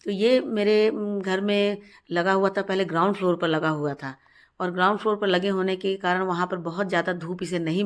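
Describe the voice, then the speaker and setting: Out on her home terrace garden, a woman with a lowish, congested voice from a cold hosts a relaxed gardening tutorial for her channel. Her talk is chatty, full of repeated words and frequent filler pauses.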